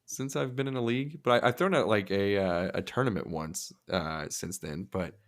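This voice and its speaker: A man's voice: on the low side, normal speed. A man co-hosting a podcast, telling a long story in casual chat, swearing freely and acting out what people said. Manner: animated, profane, acts out quoted dialogue. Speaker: podcast co-host.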